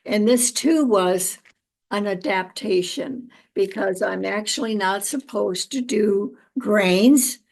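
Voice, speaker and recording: An older American woman chatting casually, with halting, reflective, unhurried phrasing. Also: mid-range voice, gravelly, darkish tone. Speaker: home gardening and food preserving vlogger. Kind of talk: casual chat to camera.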